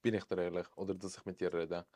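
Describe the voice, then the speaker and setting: A young man with a Swiss German accent talks as a podcast guest in a low-pitched voice, animated and sprinkling English phrases into his speech. The sound is dry and close, with no room around it. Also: quick pace, no room sound. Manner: expressive, mixes English phrases, laughs often. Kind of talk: casual chat.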